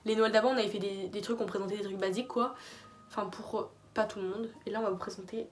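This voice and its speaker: Chatty fast-talking young woman vlogger. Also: mid-range voice, fairly even intonation. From France. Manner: chatty, rambling with many fillers and restarts. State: tired late at night. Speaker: YouTuber. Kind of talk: casual gift-idea vlog. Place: small bedroom.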